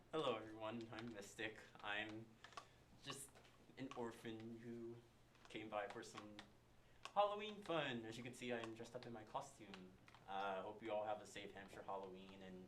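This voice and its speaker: A young man introducing himself shyly and haltingly as a guest in a small studio, heard from an overhead mic at a distance. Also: fairly low pitch, very animated, background noise. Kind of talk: casual introduction. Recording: distant mic with keyboard clicking.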